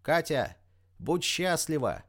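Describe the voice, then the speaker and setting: A man doing a bold young biker woman shouting. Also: low-pitched, sing-song, voice pushed up, heavily acted. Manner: shouting, brisk and commanding.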